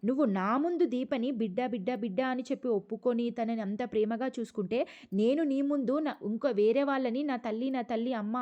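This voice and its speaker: A woman doing a shrill, jealous young woman. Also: warm tone, muffled recording, natural voice. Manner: shrill, accusing complaints. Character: angry jealous young woman, resentful granddaughter.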